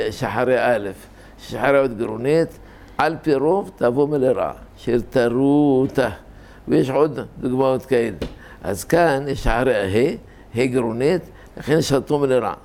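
Gravelly older man teaching scripture grammar. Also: medium pitch, darkish tone. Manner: deliberate, repeats and corrects himself while explaining. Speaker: religious teacher. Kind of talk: informal scholarly talk on scripture reading.

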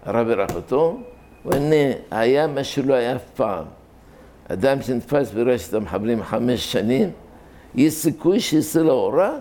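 A man giving a sermon, telling a miracle story and explaining a religious law in a plain-spoken way, with sudden high rises for emphasis. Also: lively intonation, warm tone. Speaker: religious teacher. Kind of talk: sermon storytelling and halakhic lecture.

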